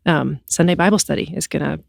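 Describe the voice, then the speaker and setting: A woman's voice: low-pitched, brisk, gravelly, no room sound, studio quality. A woman co-hosting a casual church podcast, eager and explaining church programs, laughing easily. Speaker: podcast co-host.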